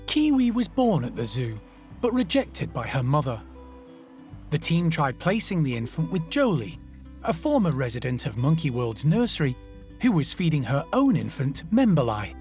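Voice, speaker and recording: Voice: medium pitch, big pitch swings, moderate pace, a little mellow, soft background music. A documentary narrator reading scripted nature documentary narration about animals.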